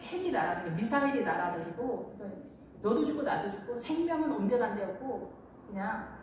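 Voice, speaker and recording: Woman pastor, lively sermon storyteller, distant mic in a reverberant church with faint noise. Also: on the high side. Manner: animated storytelling, acting out quotes. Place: church sanctuary. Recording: echoey church hall from far off.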